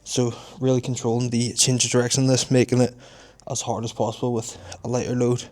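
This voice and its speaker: A man's voice: mid-range voice, level tone, brisk, a little mellow. A young man giving casual, matter-of-fact commentary on his training between weightlifting sets in an informal way. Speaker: fitness vlogger.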